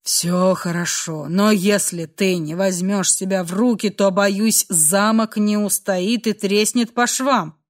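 A woman's voice: steady tone, slow pace, hardly any pauses, lightly acted. A woman voicing a stern, brooding man who pleads with his lover. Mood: soothing. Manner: low, pleading then commanding.

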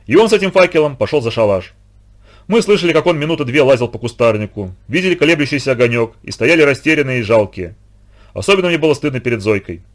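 Expressive male storybook narrator. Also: medium pitch.

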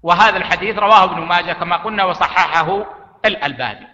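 Sheikh teaching in an echoey hall. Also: male voice, sits high, pushed and bright, lo-fi sound. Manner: deliberate, repeats key phrases for emphasis. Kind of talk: Islamic jurisprudence lesson.

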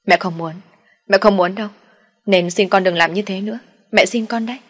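A woman voicing a frantic, panicked mother who pleads loudly, in an audio story. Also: on the low side, fast talker, slightly rough. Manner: frantic, loud.

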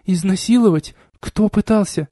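A man voicing a quick-tempered young woman raised in an orphanage, in a raised, shrill voice for an audiobook. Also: warm tone, dry recording, studio quality, close to an everyday voice. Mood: bewildered. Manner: high shrill voice, swinging from bewildered to screaming.

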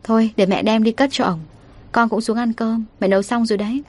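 A woman's voice: a little high, fairly even intonation, brisk, lightly acted. Woman reader voicing a stern, flustered mum in a storybook. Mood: evasive. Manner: sharp scolding, then soothing. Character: stern anxious middle-aged mother.

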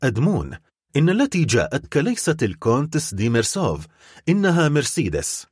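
A man's voice: mid-range voice, huge pitch swings, fairly quick, darkish tone, slightly rough, no echo, clean studio sound, voice pushed up. A man voicing a grieving, desperate middle-aged noblewoman who pleads and cries out in an audiobook reading. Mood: despairing plea.

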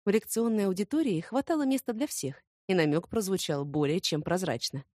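A woman narrating an audiobook in first person, expressive and ironic. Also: mid-range voice, fairly quick, no echo, studio quality.

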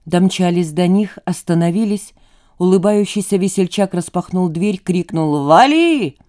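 A woman giving an expressive, lively audiobook narration. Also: lowish voice, normal speed.

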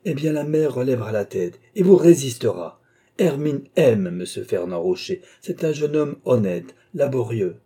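A man voicing a long-suffering wife and mother who stands up to her husband, in a dark, husky voice raised a little above his own. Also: medium pitch, very animated, normal speed, pitched above the performer's own voice. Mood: indignant. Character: wife, a resigned mother, now defiant, a woman of middle age.

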